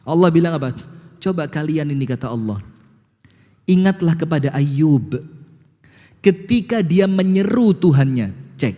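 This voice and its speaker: A man preaching a sermon to an audience in an animated style, throwing questions at his listeners. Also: fairly high pitch, measured pace, long pauses, long reverb tail.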